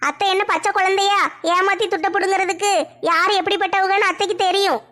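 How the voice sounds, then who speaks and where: A woman voicing a meek, put-upon young daughter-in-law in a comedy skit, slower and plaintive. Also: very high voice, fairly even intonation, a bit bright. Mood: defensive.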